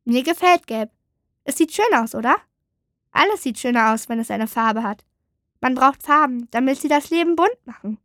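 A woman voicing a calm, soft-spoken male wooden creature in a storybook. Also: sits high, normal speed, no echo, clean studio sound. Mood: gentle.

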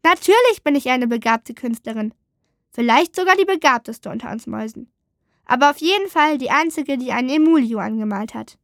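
A woman's voice: sits high, animated, fairly quick, fairly bright tone, no echo, studio quality. A woman voicing a proud, cheerful female artist mouse in a storybook.

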